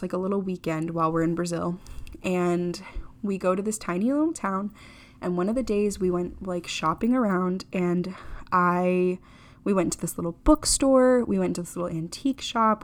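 A young American woman hosting her own podcast, talking casually in a rambling, chatty way, full of "like" fillers and blunt swearing. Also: on the low side. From United States. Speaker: podcast host. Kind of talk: casual solo podcast chat.

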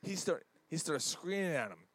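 A man's voice: fairly high pitch, very animated, moderate pace, fairly bright tone, no echo. A man co-hosting a casual sports talk show, ranting in crude, profane banter. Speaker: podcast co-host.

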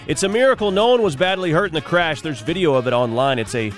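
A man's voice: a little high, lively intonation, fast talker, soft background music. A man hosting a morning radio show in upbeat, folksy, exclamatory patter. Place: radio studio.

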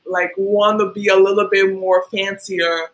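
A hair stylist who grew up in Liberia chats casually as a podcast guest, with lots of ums and likes. Her mid-range voice stays level and measured throughout the casual interview.

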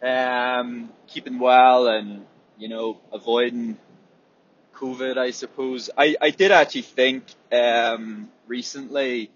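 A man with a husky, swollen-sounding sore throat, talking in a rambling, reflective, hesitant way on a casual solo podcast. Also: medium pitch, fairly even intonation, slow pace, muffled recording. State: sore, swollen throat, often needing clearing. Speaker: podcast host and athlete.

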